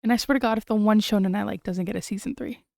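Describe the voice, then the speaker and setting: A woman's voice: mid-range voice, racing, vocal fry, darkish tone, no room sound, studio quality. A young woman chatting casually on a late-night stream, giggly and rambling, often trailing off and restarting.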